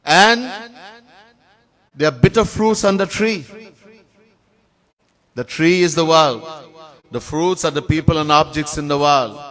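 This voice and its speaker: A man with a Trinidadian accent giving a sermon as a swami in a temple, chanting Sanskrit verses slowly in a sung tone between plain teaching. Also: on the high side, a bit bright. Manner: lists words in long spoken series. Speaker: swami giving a spiritual discourse.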